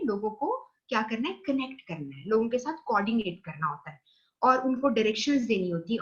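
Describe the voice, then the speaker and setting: A woman's voice: on the high side, a bit bright. Pakistani woman lecturer, dull recording. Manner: explains slide points, checks understanding with "theek hai"; mixes English terms into Urdu explanation.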